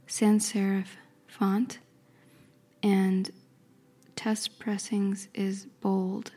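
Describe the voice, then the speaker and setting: A woman whispering softly and carefully, describing and reading aloud in an ASMR style. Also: medium pitch, vocal fry, slightly rough. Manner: soft, slow, careful whisper. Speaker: ASMR creator.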